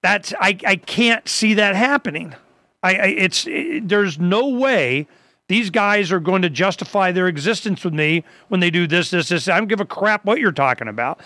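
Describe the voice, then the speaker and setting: A talk show host man with a high, bright voice, chatting loosely and circling back on himself with restarts. The sound is close and dry, with no room around it. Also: expressive, normal speed, no echo. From Arizona. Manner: rambling, many restarts and quoted asides. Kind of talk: casual chat.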